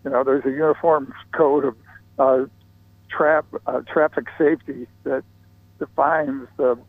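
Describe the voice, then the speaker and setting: Gravelly male radio show caller on phone. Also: medium pitch, no echo. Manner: measured, explains legal standards. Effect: heard over a phone line into a radio show. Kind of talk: casual call-in chat. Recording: tinny phone line.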